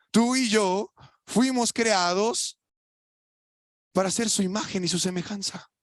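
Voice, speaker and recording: Preaching in church with a Mexican Spanish accent, this young man has a high-pitched voice for a male and addresses the congregation colloquially. He throws out rhetorical questions and swings from loud declarations to hushed asides, captured dry and close with no room sound.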